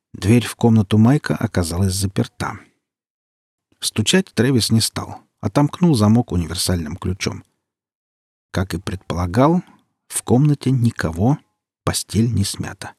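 A man narrating an audiobook in an even, measured storytelling manner. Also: fairly low pitch, breathy edge, no echo, studio quality. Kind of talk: scripted narration.

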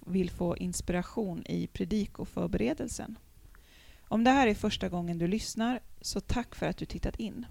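Gravelly-voiced woman hosting a podcast. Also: medium pitch, a little mellow. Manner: friendly, conversational with fillers. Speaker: podcast host. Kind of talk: casual theology podcast chat.

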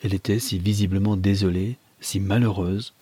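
A man reading a novel aloud in measured, even narration. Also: low-pitched, breathy edge, no room sound.

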